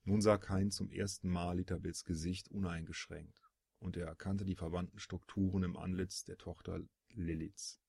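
A man narrating a fantasy audiobook with a husky voice, in steady, measured storytelling. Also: low voice, dry recording, studio quality.

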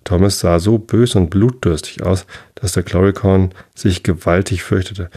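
A man narrating a fairy tale in a steady, measured storytelling manner. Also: low-pitched, husky.

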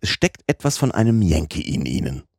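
A man's voice: very deep voice, sing-song, fairly quick, gravelly, slightly rough, no echo, exaggerated voice. Blustering old sea captain, furious and cursing, read by a man; dry studio audiobook. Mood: gruff bargaining. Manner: shouting curses, choking with rage.

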